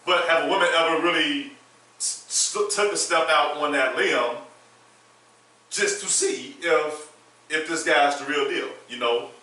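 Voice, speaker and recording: A man's voice: fairly high pitch, unhurried, bright, forceful tone. A man hosting a panel talk show, blunt and outspoken in casual discussion. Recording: echoey room from far off.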